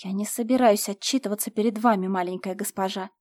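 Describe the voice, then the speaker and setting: A woman's voice: mid-range voice, fairly even intonation, fast talker, dry recording, close to an everyday voice. Woman voicing a furious thieving estate manager. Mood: hissing. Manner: loud, indignant shouting. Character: blustering thieving male estate manager, middle-aged.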